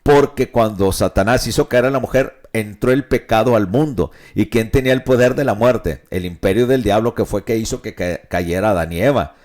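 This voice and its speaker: A man's voice: lowish voice, normal speed, few pauses, a little mellow. A male pastor teaching the Bible on radio, explaining passages, asking rhetorical questions and repeating his points. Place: radio studio.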